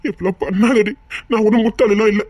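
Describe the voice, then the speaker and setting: A woman voicing a remorseful, tender young husband with a Tirunelveli Tamil accent, in a web-series drama. She pleads and repeats apologies quickly. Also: medium pitch, steady tone, darkish tone, slightly rough, no room sound, lightly acted. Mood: teasing.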